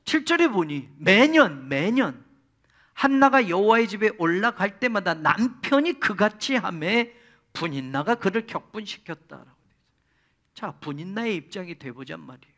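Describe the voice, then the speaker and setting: A man's voice: sits high, big pitch swings, moderate pace, pushed and bright. A male pastor preaching a church sermon, speaking expressively and addressing the congregation directly.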